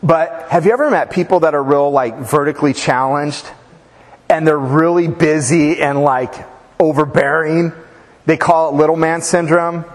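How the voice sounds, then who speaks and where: A man's voice: a little high, moderate pace. A man preaching a casual sermon, telling stories with informal asides, fillers and restarts. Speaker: pastor. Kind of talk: conversational sermon with storytelling. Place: church sanctuary. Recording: reverberant church hall.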